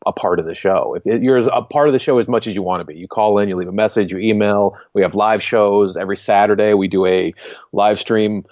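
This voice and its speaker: A man who is a comedian, chatting as a podcast guest in a relaxed, self-deprecating way and laughing easily. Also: on the low side, fast talker, dry recording, dull audio. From Washington, D.C. area. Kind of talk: casual chat.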